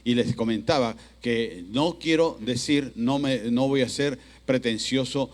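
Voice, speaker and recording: A man preaching a language sermon as pastor, emphatic and lively, acting out excuses in quick quoted asides. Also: medium pitch.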